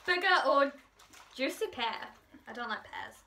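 Young British woman, high and lively, teasing casually through a gross jelly bean eating challenge. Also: slow pace, slight background noise. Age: young adult. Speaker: vlogger. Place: living room, indoors. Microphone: camera mic at a short distance.

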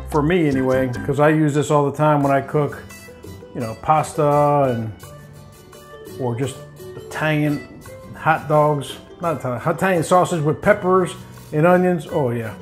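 A middle-aged man hosting a casual home cooking show, chatty and enthusiastic, laughing often. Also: fairly high pitch. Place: home kitchen indoors.

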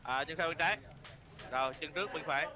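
A man's voice: a little high, quick pace, bright, forceful tone. A man streaming a game live, chatting casually and calling out directions to his team. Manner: casual, calls out directions to teammates. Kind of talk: live gameplay commentary. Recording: game music under voice. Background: game music.

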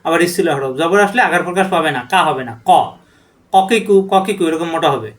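A man with a noticeably high voice leads a letter-by-letter recitation lesson. He draws each letter name out in a long chant, then drops into short spoken explanations of how to say it. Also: racing, a bit bright. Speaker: Quran reading teacher.

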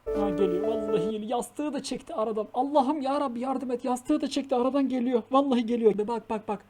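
Over loud music, a woman streamer with a slightly high voice talks fast in casual reaction commentary. Exasperated, she scolds the characters on screen, swearing and muttering prayers as she goes.

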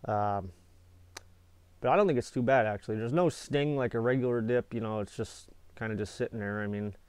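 A man's voice: medium pitch, brisk, a little mellow, smooth, no room sound. An American man in his twenties reviewing products in a casual, laid-back, plain-spoken chat, talking with a lip full of dip. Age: 20s. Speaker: product reviewer, video channel host. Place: small indoor space with foil-insulated walls.

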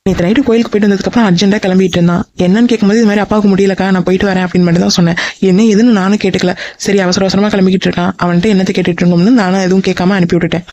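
A woman's voice: medium pitch, steady tone, darkish tone, no echo, dull audio, natural voice. A woman voicing a bossy, teasing cartoon aunt. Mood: reassuring. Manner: scolding, mocking and fast-talking. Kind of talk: animated cartoon voice acting.

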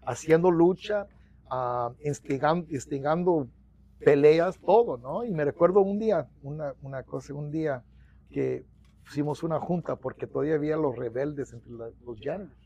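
Speaking at a moderate pace in a voice on the high side, a middle-aged Mexican-American man from the United States, a union organizer, shares long stories in Spanish blended with English. He restarts often and gestures animatedly, recorded on a lapel mic in a small office for a storytelling interview.

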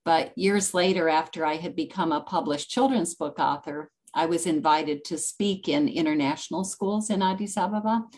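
A woman's voice: low-pitched, moderate pace, hardly any pauses, darkish tone. An older woman, a children's book author, earnestly telling her story as a guest on a video call.

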